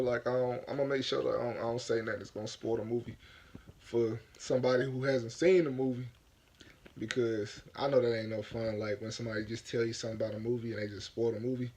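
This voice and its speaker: A man's voice: medium pitch, steady tone, fairly quick, a little mellow. A man from Africa giving a casual movie review, rambling and repeating himself with lots of "like".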